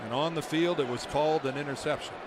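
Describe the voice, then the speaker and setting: A man analyzes football live on a TV broadcast. His voice is high, and stadium noise is clearly heard behind it. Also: fast.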